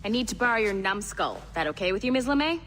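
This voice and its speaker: A woman playing a brisk, sarcastic tech worker in a video game, with a snappy, wry, impatient delivery. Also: mid-range voice, sing-song, a bit bright, slight background noise. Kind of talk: video game character dialogue.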